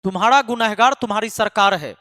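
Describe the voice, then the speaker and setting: A man's voice: sits high, fast talker, sharp tone, no echo, clean studio sound, in a large hall. A man who teaches math online, speaking to his students in an emphatic, scolding way and repeating lines for force. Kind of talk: impassioned address to students.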